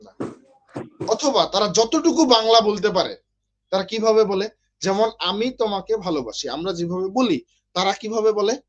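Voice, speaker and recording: A man's voice: high-pitched, normal speed, pauses often, muffled recording, slight background noise. A man from Bangladesh teaching an online literature class, explaining step by step and often checking with his students.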